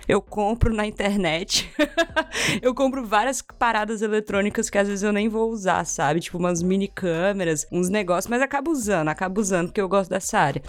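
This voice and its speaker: A woman's voice: mid-range voice, moderate pace, no room sound. Woman, dry-miked podcast host. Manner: relaxed, slangy, addresses the audience directly. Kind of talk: casual podcast chat.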